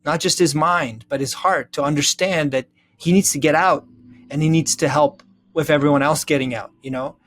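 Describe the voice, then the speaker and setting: A middle-aged children's story author, a guest on a reflective podcast, talks earnestly and builds his arguments through emphatic, repeated phrases. His voice is fairly high and fairly bright, with a steady tone and moderate pace.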